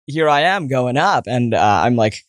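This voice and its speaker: Here a young man in his twenties, American in accent but born in Saudi Arabia and partly raised in New Jersey, tells animated stories at a moderate pace in a mid-range voice. It's relaxed interview chat with frequent fillers and restarts. There's no room sound, and the studio audio is clean.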